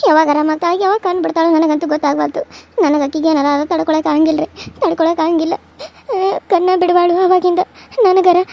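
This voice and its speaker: A performer voicing a grieving young daughter who pleads through tears. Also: extremely high pitch. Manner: pleading, sobbing.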